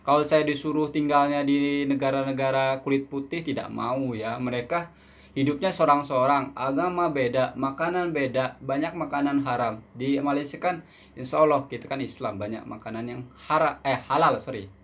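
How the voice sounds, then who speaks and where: An Indonesian man in his twenties hosts a casual Q&A vlog, reading viewer questions aloud and answering chattily, often ending phrases with "ya" and mixing in Malaysian words and English terms. His voice is mid-range and fairly bright, at a moderate pace.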